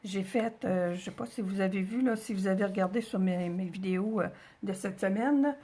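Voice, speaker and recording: A woman with a Quebec French accent hosts a craft tutorial, a casual step-by-step demonstration where she talks informally and thinks aloud as she works. Her mid-range voice has a dark tone with a breathy edge, and she speaks at a moderate pace.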